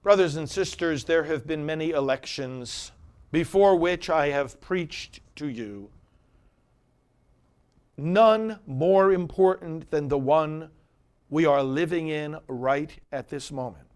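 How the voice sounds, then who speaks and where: A male priest with a somewhat high-pitched voice delivers scripture and sermon. He is solemn and earnest, declaiming each phrase deliberately as a preacher would. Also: darkish tone, clean tone.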